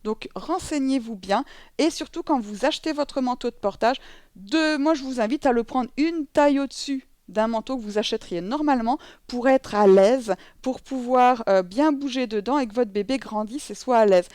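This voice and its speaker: A woman's voice: a little high, moderate pace, a little mellow, dry recording, clean studio sound. A French woman teaching how to wear a babywearing coat, chatting casually with many fillers and self-corrections. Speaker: babywearing instructor. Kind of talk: demonstration tutorial. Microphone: headset.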